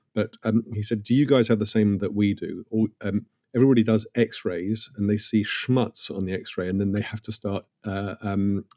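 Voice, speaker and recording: A middle-aged man, a consultant paediatrician, explaining clinical practice in a podcast interview with measured, dry humour. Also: fairly low pitch, dark tone.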